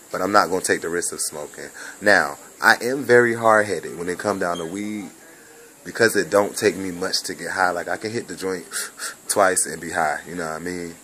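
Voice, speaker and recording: A man's voice: deep voice, bright, forceful tone. A young man with a mixed Bahamian, Jamaican and American accent, recovering from bronchitis and rambling through a casual video message. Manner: rambling, repetitive, drawn-out. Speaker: vlogger recording a personal message. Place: hospital room.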